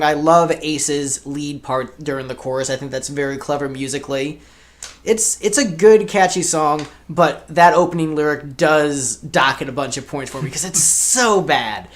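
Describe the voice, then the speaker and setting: A man's voice: on the high side, fairly bright tone. A man hosting a podcast panel, giving opinions in a casual chat and laughing easily. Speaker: podcast host.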